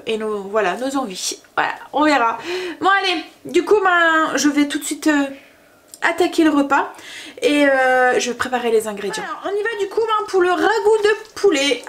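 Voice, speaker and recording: Woman vlogger, high voice, chatty, hesitant fillers, faint kitchen noise. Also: fairly bright tone. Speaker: family vlogger. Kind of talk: casual vlog chat and cooking. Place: home kitchen.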